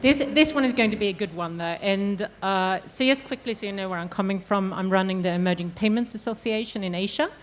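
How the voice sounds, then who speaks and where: A woman's voice: medium pitch, a little fast, few pauses, slight background noise. Woman moderating a conference panel. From Sweden. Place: conference stage.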